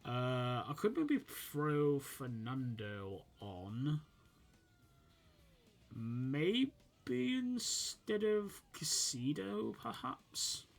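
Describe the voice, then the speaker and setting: A young British man who hosts a gaming channel casually commentates on his football management game, thinking aloud with plenty of fillers and a slight sniffle from a cold that's wearing off. His medium-pitched voice is sing-song, with drawn-out words and vocal fry, and soft music plays in the background.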